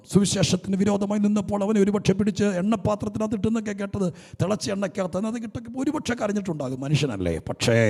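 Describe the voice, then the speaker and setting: Gravelly preacher man swinging hushed to shouting. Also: on the high side. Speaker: pastor. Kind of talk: Pentecostal sermon. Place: church hall. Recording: reverberant church hall.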